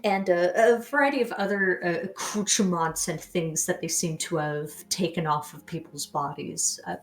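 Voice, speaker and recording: A young adult woman narrating a tabletop game as game master, with descriptive, unhurried narration. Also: fairly low pitch, rough recording.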